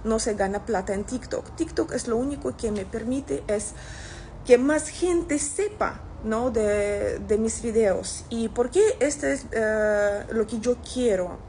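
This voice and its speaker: Holding her phone at arm's length, a social media content creator from Russia, in her thirties, casually replies to comments on camera in Russian-accented speech. Her fairly high voice has a darkish tone and a slow pace, and the rough audio carries a slight hiss or hum.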